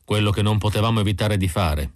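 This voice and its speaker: A man's voice: fairly low pitch, quick pace, no echo, clean studio sound, lightly acted. A man voicing a cold, calculating male android leader who speaks in a clipped, matter-of-fact way.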